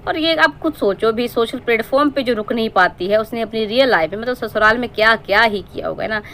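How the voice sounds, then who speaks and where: A woman's voice: on the high side, fast talker, a bit bright, a little hiss or hum. A woman from Himachal Pradesh giving a scolding, sarcastic roast monologue as a reaction-channel commentator, lecturing her target at length.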